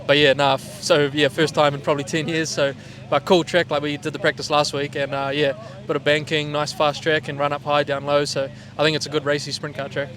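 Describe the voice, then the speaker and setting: With a level tone and hardly any pauses, a man with a broad New Zealand accent answers interview questions as a driver, speaking a little fast in a slightly bright, high-leaning voice. He's casual and slangy, and the outdoor speedway recording picks up vehicle noise.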